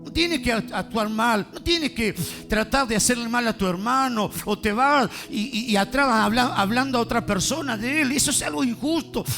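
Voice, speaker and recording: A man preaching a sermon in a church, fervent, calling on the congregation to answer and rising to shouts. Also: very high-pitched, creaky. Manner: fervent, builds to shouting, calls on congregation to respond.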